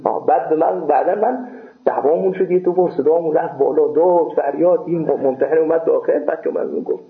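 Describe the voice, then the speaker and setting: Man in his own voice, an animated storyteller who acts out both sides of the exchange, slightly high pitch, in a reverberant room. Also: creaky. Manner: lively retelling with quoted back-and-forth dialogue. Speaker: seminary scholar recounting his exam. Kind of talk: casual storytelling in an interview. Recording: tinny phone-like sound, echoey room.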